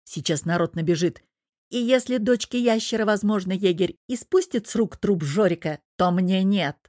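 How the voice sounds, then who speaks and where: A woman reading an audiobook and voicing a cool-headed young gunman who speaks in a hushed, terse way. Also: medium pitch, moderate pace, no room sound, clean studio sound, natural voice. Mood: curt.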